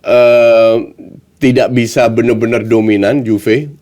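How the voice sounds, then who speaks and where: A man's voice: mid-range voice, level tone, slow, a little mellow. A man with an Indonesian accent talking casually as a football pundit, dropping English phrases into his speech.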